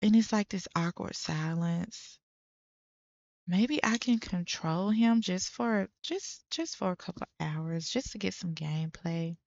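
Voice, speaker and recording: A woman's voice: on the low side, animated, measured pace, a little mellow, dry recording, dull audio. A young woman giving casual, chatty gameplay commentary to her viewers, with frequent exclamations. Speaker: let's play creator.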